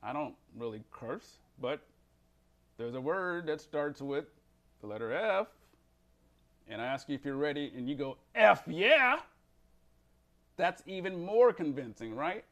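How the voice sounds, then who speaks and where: A man, a behavior change counselor, giving a motivational self-help talk that swings between emphatic, animated delivery and a slow, low, calm voice.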